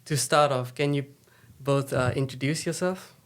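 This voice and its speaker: A man's voice: mid-range voice, moderate pace. A man from Nepal, the podcast's host, steadily introducing the topic and asking short questions. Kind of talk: casual podcast chat.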